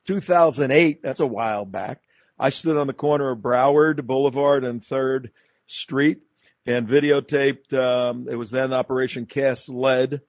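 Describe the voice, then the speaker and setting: A man's voice: mid-range voice, steady tone, unhurried, no room sound. A man hosting a talk radio show, speaking emphatically and combatively in long run-on sentences. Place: radio studio. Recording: dull, dry studio broadcast.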